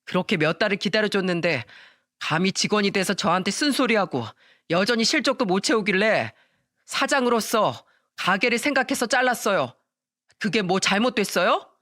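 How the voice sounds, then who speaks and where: A woman's voice: medium pitch, lively intonation, moderate pace, a bit bright, no room sound, lightly acted. Woman playing sulky young husband, defensive, argues back, dry sound. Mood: defensive arguing. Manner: defensive, pleading then arguing.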